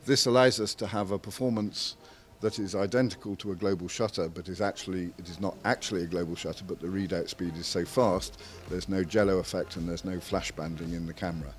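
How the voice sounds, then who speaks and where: Very deep-voiced man explaining steadily. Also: fairly even intonation. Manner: measured, frequent "uh" pauses between phrases. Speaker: camera maker's representative. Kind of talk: technical product interview.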